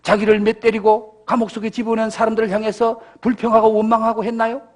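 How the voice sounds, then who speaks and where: A male senior pastor preaching a sermon in a church, firing rhetorical questions at the congregation and swinging from loud emphasis to hushed, soft passages. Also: sits high, completely flat delivery, quick pace. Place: church sanctuary.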